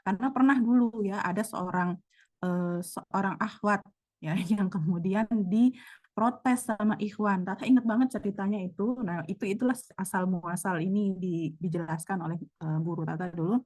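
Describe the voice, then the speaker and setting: A woman's voice: mid-range voice, normal speed, darkish tone. A woman chatting casually in an online religious study group, telling a story with many fillers.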